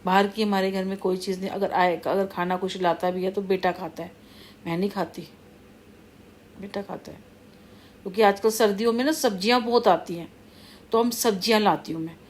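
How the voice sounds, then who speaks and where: A woman's voice: medium pitch, steady tone, moderate pace, slight background noise. A middle-aged woman talking casually to her viewers, rambling and repeating her warnings in a scolding way. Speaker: vlogger. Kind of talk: casual monologue to camera.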